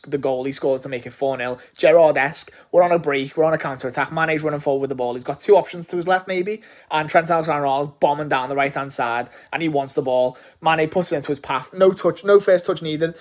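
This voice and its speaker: A man's voice: a little high, fast. A man from England giving an enthusiastic, rambling match reaction, swearing often and restarting his sentences. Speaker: football fan reviewing a match. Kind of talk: casual post-match reaction.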